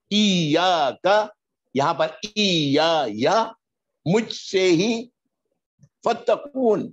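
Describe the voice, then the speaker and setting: A man teaching Quranic Arabic grammar word by word, drawing out each Arabic word slowly and then explaining it quickly. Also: a little high, dull audio. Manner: drawn-out recitation of Arabic words between quick explanations. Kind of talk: word-by-word grammar lesson in Urdu.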